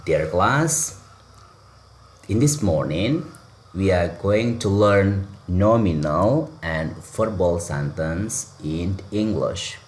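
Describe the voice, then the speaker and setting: Deep-voiced Indonesian-accented male teacher. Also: animated, extremely slow. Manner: switches between Indonesian and English, playful examples. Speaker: English teacher. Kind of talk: bilingual classroom lesson over slides.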